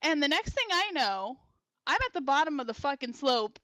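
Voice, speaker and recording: A young woman in her twenties, a podcast guest, telling a drunken party story in a casual, animated way, swearing and laughing as she acts out what people said. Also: sits high, moderate pace, no room sound.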